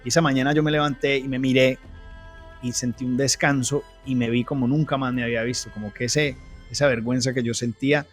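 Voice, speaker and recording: A man's voice: mid-range voice, fairly even intonation, a little fast, soft background music. A man telling his personal testimony in an interview, earnest and full of restarts. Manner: earnest storytelling, frequent restarts.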